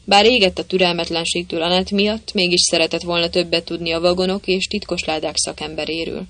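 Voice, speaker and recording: A narrator reading a novel aloud in a lively storytelling manner. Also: mid-range voice. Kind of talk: audiobook narration.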